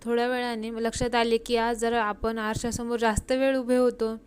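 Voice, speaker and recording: A woman reading a heartfelt story aloud in a steady, even manner, with small slips. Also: fairly high pitch, normal speed, smooth. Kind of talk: story narration.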